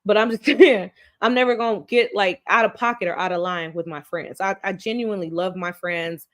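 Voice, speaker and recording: Female stream host, candid and profane, quick to laugh. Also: mid-range voice, a bit bright. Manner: blunt and profane, laughs often, slips into acted quotes. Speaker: live stream show host. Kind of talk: candid casual chat.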